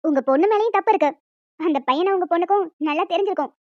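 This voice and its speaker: A performer voicing a snobbish cartoon schoolteacher. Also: female voice, very high voice, very fast, a little mellow, no echo. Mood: haughty. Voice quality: haughty, cold. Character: stern snobbish woman schoolteacher. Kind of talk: cartoon voice acting. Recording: dull lo-fi dry recording.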